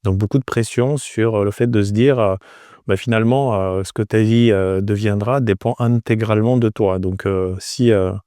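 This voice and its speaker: A Romanian entrepreneur in his forties answers interview questions conversationally as a guest. His low, soft-edged voice stays fairly even in intonation, and he often pauses and repeats words while searching for phrasing, recorded close and dry.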